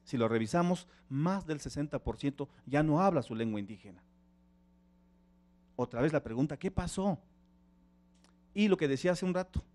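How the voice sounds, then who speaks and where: A man's voice: a little high, a little mellow. A middle-aged man whose first language is Tzeltal, giving a conference talk and drawing the audience in with questions. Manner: engaging, asks the audience questions. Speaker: panel speaker. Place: conference hall.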